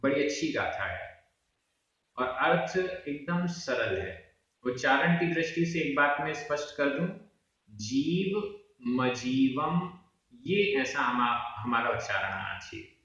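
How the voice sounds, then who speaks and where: A male language teacher who recites verses at a very slow, deliberate pace and then explains them patiently. His voice sounds distant and dull, as if from a lo-fi recording. Heavy room echo surrounds every word. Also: medium pitch, lively intonation, pushed and bright.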